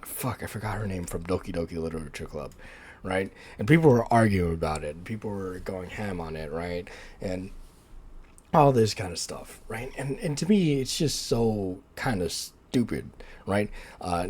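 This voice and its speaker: A man's voice: low-pitched, a little mellow, slightly rough. A young man hosting his own vlog, rambling casually with lots of fillers and "right?", sounding tired after a nap. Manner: rambling, many fillers and restarts, asks "right?" often. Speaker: channel host.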